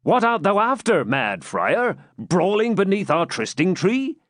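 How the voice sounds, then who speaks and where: A man doing a loud commanding outlaw captain. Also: on the high side, very animated, slow pace, no echo, clean studio sound, pitched above the performer's own voice, exaggerated voice.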